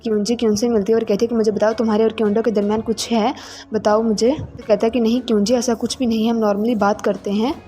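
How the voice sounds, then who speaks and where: A woman's voice: a little high, little pitch movement, quick pace, mellow. Woman retelling a drama's episode plot. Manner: reads every character's lines herself in a plain voice. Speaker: drama recap narrator. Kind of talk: plot recap narration. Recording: faint music behind voice.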